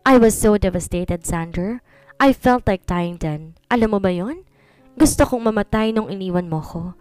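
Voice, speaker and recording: A woman's voice: medium pitch, moderate pace, a little mellow, smooth, no echo, natural voice. A woman voicing a hurt young wife who refuses sharply and then reproaches through tears, in a storybook reading.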